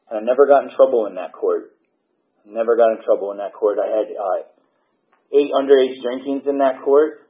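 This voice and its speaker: A man giving a candid personal testimony from a podium at a recovery meeting, telling his story plainly. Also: medium pitch. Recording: dull, muffled recording.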